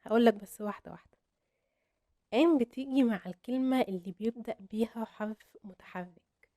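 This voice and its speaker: Young Egyptian woman, English teacher, mellow higher voice, dry close sound, slow repeated examples. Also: dry recording. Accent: Egyptian Arabic. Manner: explains step by step, drills example phrases slowly. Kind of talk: casual Arabic-language grammar lesson.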